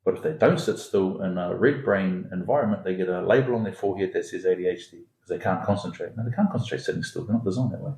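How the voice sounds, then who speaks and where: A man's voice: sits low, quick pace, few pauses, a little mellow, roomy sound, rough recording. A man from Singapore, founder of an education academy, talking emphatically as a podcast guest and building his points with repeated lines and long metaphors. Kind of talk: conversational podcast interview.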